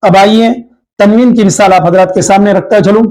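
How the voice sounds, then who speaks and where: High voiced hyderabadi urdu teacher guy going over tajweed rules slow, repeats every example, clears his throat now and then. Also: steady tone, darkish tone, low-quality recording. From India. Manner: explains slowly, repeats each example, draws out recited words. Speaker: Quran recitation teacher. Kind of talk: tajweed lesson.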